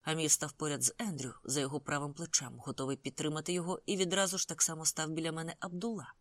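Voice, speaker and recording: Steady audiobook narrator, dry close sound. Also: mid-range voice, fast, no echo. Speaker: audiobook reader. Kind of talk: first-person novel narration.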